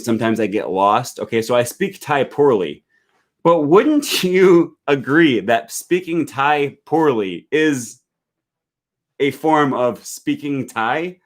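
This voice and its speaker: An American man with a medium-pitched voice hosts a language-learning live stream, reading viewer comments as he thinks aloud with frequent fillers and restarts.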